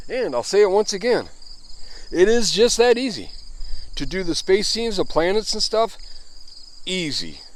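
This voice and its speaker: While spray painting, a man in his fifties keeps up a rambling, self-deprecating running commentary. His voice sits high, and there's a little hiss or hum in the recording.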